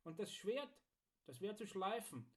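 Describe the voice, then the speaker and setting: A man's voice: high voice, sing-song, measured pace, voice pushed up. Man playing an eager, secretive singer. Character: eager, secretive adult male singer-knight. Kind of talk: audiobook character voice.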